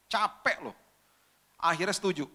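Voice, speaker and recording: A man pastor telling a story in a sermon, acting out the dialogue with lively back-and-forth. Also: high voice, moderate pace, big-room sound. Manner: animated, acts out dialogue.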